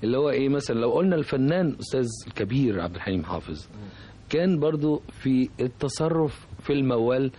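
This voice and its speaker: A man with an Egyptian accent, a composer being interviewed on radio, talking reflectively and pausing often to find his words. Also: mid-range voice, sing-song, mellow, a little hiss or hum. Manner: reflective, hesitant, searching for words. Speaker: composer, guest.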